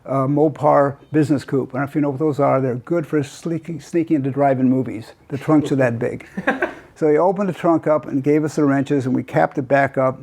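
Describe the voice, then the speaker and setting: A man's voice: mid-range voice, steady tone, a little fast, darkish tone. An older American man in his eighties telling a casual, rambling grandpa story, hesitating and wandering into detailed asides. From Southern California. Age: older, 80s.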